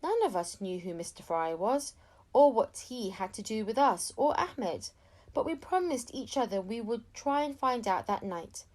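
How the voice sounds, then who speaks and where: An audiobook reader with a fairly high, slightly mellow voice reads a children's story at normal speed. She's animated and expressive, performing the dialogue amid the narration.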